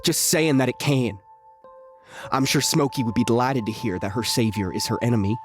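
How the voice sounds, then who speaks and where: In a western audio drama, an actor plays a wisecracking, jittery, volatile male locksmith outlaw with a sardonic, rambling, folksy way of talking. His medium-pitched voice is brisk and lightly acted, heard over music. The mood is bitterly menacing.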